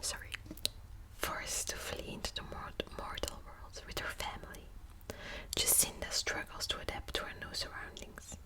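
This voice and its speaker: A Dutch-speaking woman makes ASMR book content, whispering right up against the mic at a normal pace, stumbling with ums and starting over often, and reading some passages aloud. The recording quality is low.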